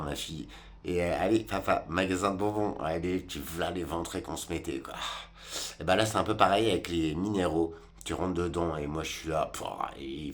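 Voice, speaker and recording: A man in his forties giving a rambling, colloquial monologue, talking straight to the viewer about life. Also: sits low. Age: 40s. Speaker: vlogger. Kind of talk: casual reflective monologue.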